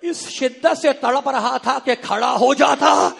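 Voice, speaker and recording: A man delivering an impassioned mourning sermon, half chanting and crying out in sing-song wails that rise to shouts. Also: extremely high pitch, vocal fry, husky. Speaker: preacher reciting a mourning sermon. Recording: long hall reverb with faint crowd.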